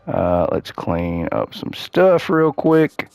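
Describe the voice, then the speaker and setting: A low-pitched, very animated man hosts a gaming channel, speaking slowly in a creaky, slightly mellow voice that is clear and resonant with no room sound. He chats upbeat and thinks aloud while playing, his voice cracking and tired as it goes.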